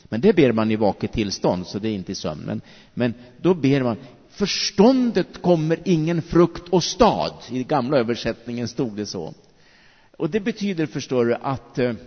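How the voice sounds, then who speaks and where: A man preaching a sermon as pastor, with animated delivery and slow, drawn-out emphatic phrases. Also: medium pitch. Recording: dull recording with long hall reverb.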